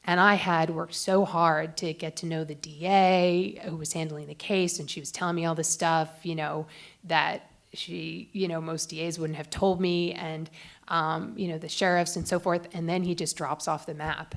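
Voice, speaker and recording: A woman's voice: low-pitched, little pitch movement, moderate pace, gravelly. A woman reporter speaking on a panel, telling a story in a chatty way with many fillers. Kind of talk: anecdotal panel talk.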